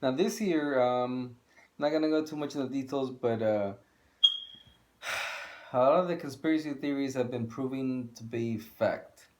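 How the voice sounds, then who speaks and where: A man's voice: mid-range voice, a little slow, darkish tone, low-quality recording. A man co-hosting a video channel, ranting casually and bluntly, swearing and repeating himself for emphasis. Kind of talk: casual opinion rant.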